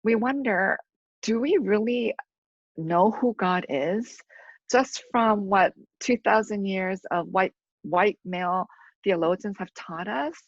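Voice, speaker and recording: A woman's voice: medium pitch, no echo. Earnest woman theologian on a dull video call. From Korea, raised in Canada. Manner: earnest, fast bursts with many fillers. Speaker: theologian, guest author. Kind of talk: live video-call book discussion.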